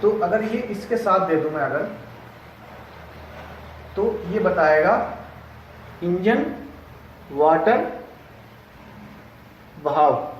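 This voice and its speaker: A male instructor explaining a lesson step by step, often pausing to check that his students have understood. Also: sits high, dull audio, slight background noise. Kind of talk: classroom lesson. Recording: echoey room, distant mic.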